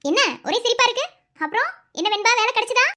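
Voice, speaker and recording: A woman voicing the caring mother figure of an orphan home in an animated cartoon, speaking kindly. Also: very high-pitched, fast, heavily acted.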